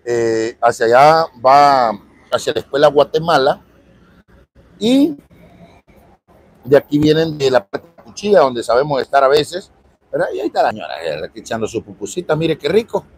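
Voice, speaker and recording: A man's voice: mid-range voice, very animated, normal speed, breathy edge. A man with a Salvadoran Spanish accent livestreaming from a city street, chatting with viewers and greeting them by name. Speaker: livestream vlogger. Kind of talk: casual live street stream.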